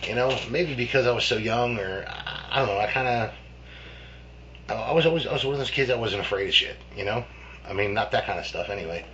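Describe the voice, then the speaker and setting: This time the storyteller has a mid-range voice, speaks fast, and sounds sharp as he loosely tells his childhood ghost tale, swearing, stumbling into restarts, and padding it with fillers. Audio is dull lo-fi under a faint hum.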